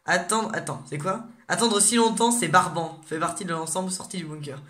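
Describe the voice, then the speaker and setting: A gaming video host giving casual commentary on new game content, excitable and reading the menu text aloud as they go. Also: mid-range voice, fairly quick, a little hiss or hum.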